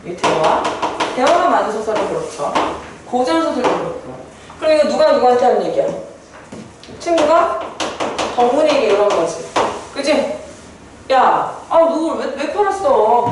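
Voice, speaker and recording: A woman's voice: fairly high pitch, far from the mic, noisy background. A woman teaching a literature class, firing questions at her students and briefly acting out characters' lines. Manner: lively, asks students constant questions; acts out characters' lines in quick bursts. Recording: very echoey room from away from the mic.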